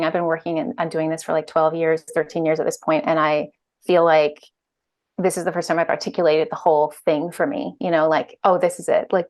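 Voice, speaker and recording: Woman, low voice, chatty, lots of fillers, earphone mic on a video call. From Ireland and Canada. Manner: chatty, many fillers and restarts. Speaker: guest, UX director and author. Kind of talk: casual video-call interview. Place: bright room at home.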